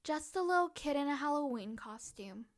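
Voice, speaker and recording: A woman's voice: high-pitched, expressive, normal speed. A woman voicing a foul-mouthed, fearless and bossy ten-year-old girl vigilante in a comic book dub, cocky and commanding. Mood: cold menace.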